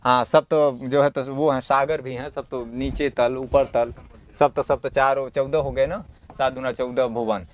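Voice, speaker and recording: A man's voice: medium pitch, steady tone, a little slow. A male Sanskrit teacher going through a model exam paper. He reads Sanskrit lines aloud, explains them in plain Hindi, and keeps asking the class questions that he answers himself, in a homely, encouraging way. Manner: homely and encouraging, with everyday comparisons.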